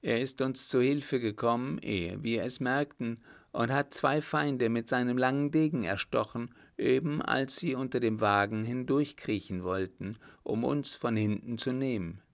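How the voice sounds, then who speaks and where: A man voicing a gracious, commanding emperor who speaks in a measured, formal way in a storybook. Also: medium pitch, creaky. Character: commanding older male emperor, calm and gracious.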